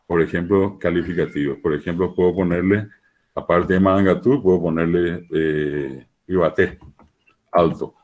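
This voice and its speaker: This low-voiced man teaches at a normal speed with a steady, slightly mellow tone, patiently repeating examples so his students can follow along. His lecture seems to be transmitted over a video call.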